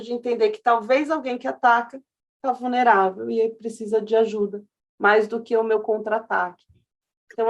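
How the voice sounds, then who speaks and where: A middle-aged woman speaking as a guest expert in a webinar, telling stories and acting out quoted dialogue. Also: on the high side. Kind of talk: webinar talk.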